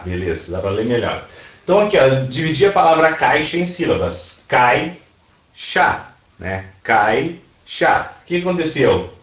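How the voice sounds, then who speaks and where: Man teaching in a roomy, dull recording. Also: medium pitch. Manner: explains patiently, asks students for confirmation often. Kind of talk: online class lecture. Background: airplanes passing overhead.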